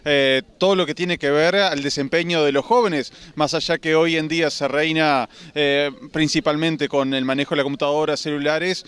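A man's voice: a little high, steady tone, moderate pace, fairly bright tone, clean tone. A man, a TV reporter asking formal interview questions outdoors at a school event, with hesitant "eh" fillers. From Uruguay.

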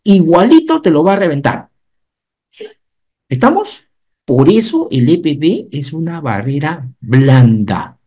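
A man, giving an animated online safety lecture and often checking whether the class follows. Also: on the high side, a little slow. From Peru. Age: 50s. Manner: animated teacher, asks the class checking questions. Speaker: occupational safety instructor.

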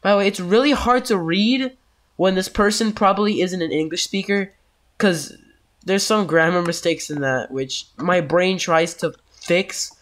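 A man's voice: high voice, a little slow, a bit bright. A man who is sick, giving casual, jokey let's-play commentary on a horror game and getting easily spooked. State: sick, coughing. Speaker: gameplay commentator.

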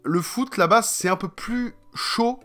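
A man from France talks loosely to his viewers, drifting from point to point with slang and constant fillers. His voice is bright and forceful and sits a little high. Faint music plays underneath. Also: unhurried. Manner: rambling, slangy, full of fillers. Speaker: vlogger. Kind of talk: casual vlog chat.

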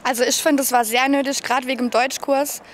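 A woman's voice: high-pitched, steady tone, fast, slight background noise. A woman in her late twenties from Germany, a youth office worker, answering earnestly outdoors into a handheld mic. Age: 20s. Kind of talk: casual interview answers. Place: outdoors by a building. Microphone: handheld mic held by interviewer.

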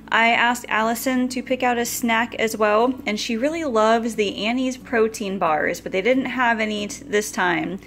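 A woman's voice: medium pitch, fairly bright tone. Chatty woman walking through a grocery haul. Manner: chatty, upbeat and item-by-item. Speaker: vlogger showing a grocery haul. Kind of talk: casual chat. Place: home kitchen, indoors.

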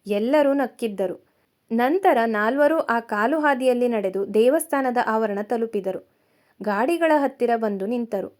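A woman narrating a romance story in a calm, measured storytelling manner. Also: on the high side.

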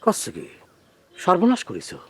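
An actor playing a worried young village man in a TV drama, who talks quickly and anxiously to his sweetheart. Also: high-pitched, huge pitch swings, a bit bright, husky, full character voice. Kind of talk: TV drama acting.

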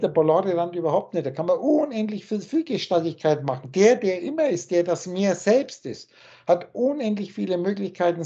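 A man lectures over a video call with a husky, darkish voice, scolding and preachy, often blunt to the point of crude. The call audio is dull and lo-fi, its highs rolled off. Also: dark tone. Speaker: spiritual teacher.

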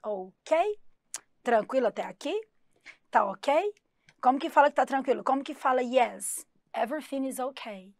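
A woman's voice: high-pitched, lively intonation, darkish tone, dry recording. Chatty woman English teacher, dry close mic. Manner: chatty, explains slowly, spells words letter by letter. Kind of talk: online exam-prep English lesson.

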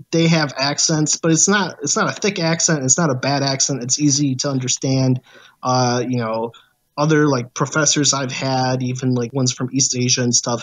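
Male guest, mid pitch, casual chat, halting delivery with many fillers. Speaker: podcast guest.

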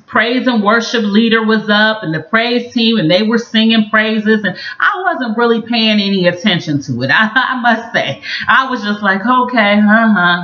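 A woman sharing a personal faith testimony with her viewers, speaking directly to them and acting out her own past lines with big jumps in pitch. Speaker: video host sharing a personal story. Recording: roomy, slightly dull recording.

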